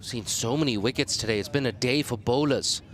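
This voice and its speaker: A man commentating live on a cricket match, losing his voice and jumping up in pitch and volume whenever a wicket falls. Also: brisk, fairly bright tone. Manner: rises sharply in pitch and volume on wickets and appeals.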